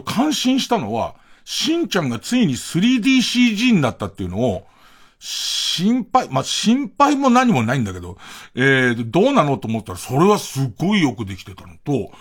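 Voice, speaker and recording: A man's voice: fairly high pitch, slightly rough. A man hosting a late-night radio show, telling stories in a rambling, casual way full of fillers. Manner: casual, chatty. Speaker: radio host.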